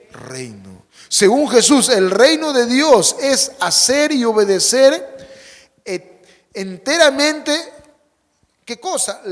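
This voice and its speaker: Male pastor, high-pitched, emphatic sermon delivery with rhetorical questions, long church reverb. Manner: preaching with rhetorical questions and call-and-response; swings between emphatic loud lines and quiet low asides. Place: church sanctuary.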